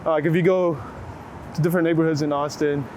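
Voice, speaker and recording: A fast-talking Texan from Waco, his voice slightly high and darkish with fairly even intonation, reflects casually as a photographer being interviewed. His phrasing is informal and searching, heavy with hedging "like"s. Outdoors on a city street, the clip clearly picks up street and traffic noise amid urban ambience and passing vehicles.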